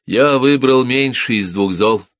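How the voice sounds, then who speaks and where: A man voicing a calm, resigned farmer who pleads and reasons in a storybook reading. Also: mid-range voice, dry recording, voice pushed up, close to an everyday voice. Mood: reasoning. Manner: pleading, measured.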